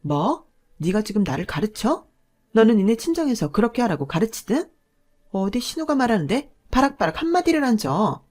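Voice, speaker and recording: A woman voicing a pushy, greedy middle-aged sister-in-law who scolds and bosses loudly. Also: on the high side, sing-song, moderate pace. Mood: furious. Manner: bossy, scolding, loud in anger.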